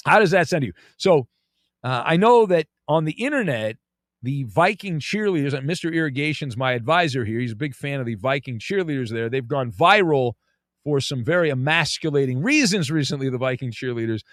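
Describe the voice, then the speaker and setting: A man hosting a sports talk show, joking and animated, often repeating words as he starts a thought. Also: medium pitch, fairly quick, no room sound, studio quality. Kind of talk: casual sports talk commentary.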